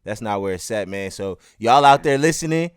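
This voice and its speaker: A man hosting a podcast interview, talking in a relaxed, slangy way and often backing up his guest. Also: lowish voice, normal speed, smooth, dry recording, clean studio sound. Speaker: podcast host. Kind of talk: casual interview conversation.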